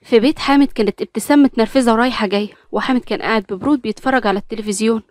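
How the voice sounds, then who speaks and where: A woman's voice: on the high side, rapid-fire, darkish tone, no room sound, clean studio sound. A woman with an Egyptian accent narrating a romantic story.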